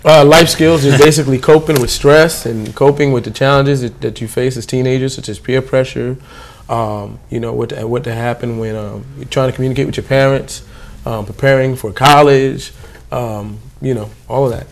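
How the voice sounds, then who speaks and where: Man, gravelly, relaxed guest, easygoing interview talk. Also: medium pitch, normal speed. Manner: relaxed, informal, many fillers. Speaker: youth program staff guest. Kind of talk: casual interview.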